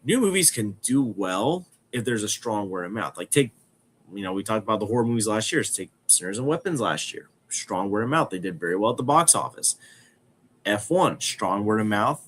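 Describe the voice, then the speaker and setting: A man in his twenties speaks in a fairly low voice, congested from a cold. His nose sounds stuffy as he delivers casual film review commentary, often restating a phrase to stress it. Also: lively intonation, moderate pace, fairly bright tone, a little hiss or hum. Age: 20s. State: has a cold. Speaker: film review podcast host.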